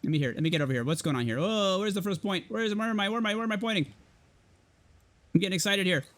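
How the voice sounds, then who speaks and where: A man hosting and casting a live esports tournament, excitable and chatty, thinking aloud as he goes. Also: high voice, rapid-fire. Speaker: tournament caster and host.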